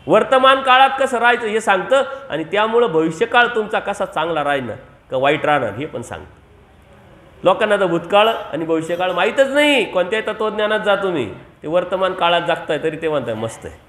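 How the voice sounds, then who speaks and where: A man with a Marathi accent delivers a devotional sermon in a high, carrying voice. He presses his points by repeating phrases and putting rhetorical questions to his listeners. The sound bounces around an echoey room. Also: expressive, brisk, fairly bright tone. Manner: rhetorical questions to the audience, emphatic repetition. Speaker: preacher.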